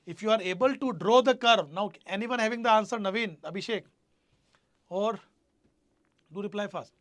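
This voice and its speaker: A male teacher with a North Indian accent and a high-pitched voice, recorded close and dry. He lectures live to students, repeating key points and often prompting them with short questions. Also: normal speed, a bit bright, dry recording. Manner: repetitive, question-prompting, addresses students directly. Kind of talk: live online exam-prep lecture.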